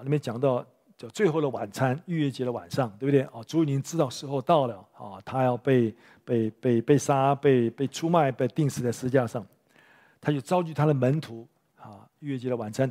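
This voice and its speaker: A pastor preaching a sermon in church, telling a story with rhetorical questions to the congregation. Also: male voice, medium pitch, normal speed, dark tone.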